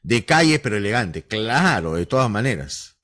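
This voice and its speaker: A man from Huánuco with a Peruvian Spanish accent, teaching an online class in a jokey, animated way and acting out bits of street slang. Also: on the low side, moderate pace. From Huánuco, Peru.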